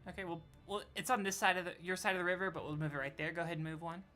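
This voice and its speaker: Woman GM, low pitch, crisp forward tone, loose and chatty. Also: steady tone, very fast, pushed and bright, faint music behind. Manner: casual, rambling, many fillers. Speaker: game master. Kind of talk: narrating a tabletop role-playing game.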